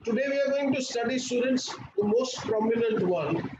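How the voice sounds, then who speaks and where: A man's voice: very high-pitched, normal speed. A man with an Indian accent giving an online class lecture, repeating points in a didactic way and prompting students with questions. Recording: echoey room, muffled and noisy.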